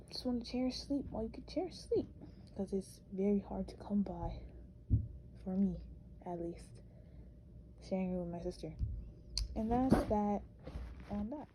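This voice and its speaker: A woman's voice: medium pitch, normal speed, long pauses, background noise. A young woman narrating her vlog in a chatty, informal, casual voice-over. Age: young adult. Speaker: vlogger.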